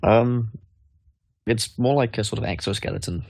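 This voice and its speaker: A low-voiced man playing a tabletop game, talking loosely and swearing now and then. He argues over rules in plain everyday speech. The recording is dry and close. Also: fairly even intonation, normal speed, creaky, darkish tone, no echo. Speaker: player. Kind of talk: casual tabletop game chat.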